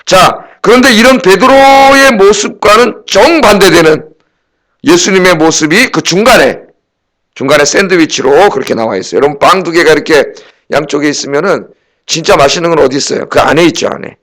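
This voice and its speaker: A middle-aged man preaches a sermon as a pastor in a conversational style, firing rhetorical questions at the congregation and acting out quoted dialogue. His voice is a little high, fairly bright, and a little fast.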